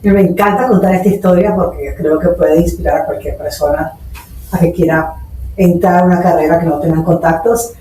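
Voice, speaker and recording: Speaking a little fast in a low, warm voice with fairly even intonation, a Nicaraguan woman in her forties tells her story earnestly as a guest entrepreneur on a podcast, mixing in English terms. The mic is distant in an echoey room, with a bit of hiss or hum.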